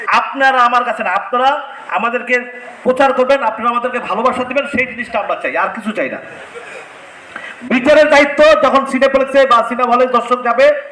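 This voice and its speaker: A man's voice: extremely high pitch, pushed and bright. A man giving a heated, scolding speech at a press event, repeating phrases for emphasis, recorded on a distant mic in an echoey hall. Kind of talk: impassioned press conference speech.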